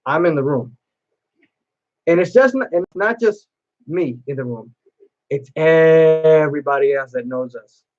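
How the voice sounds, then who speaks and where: Guy vlogging a story, slow and rambly, lots of restarts, kinda dull lo-fi sound. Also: fairly high pitch, animated. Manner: rambling and repetitive, with many restarts. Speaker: cosplay vlogger. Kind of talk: casual storytelling to camera.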